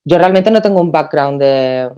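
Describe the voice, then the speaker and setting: A woman in her thirties from Spain, a podcast guest telling her story in a lively way with many restarts. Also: low voice, moderate pace, clear, resonant tone, highs cut off. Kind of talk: casual podcast interview.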